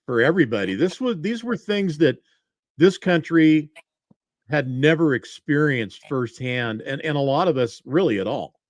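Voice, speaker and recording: A man's voice: a little high, animated, normal speed, no echo. A man hosting a live talk show, chatting in a loose, easygoing way with fillers.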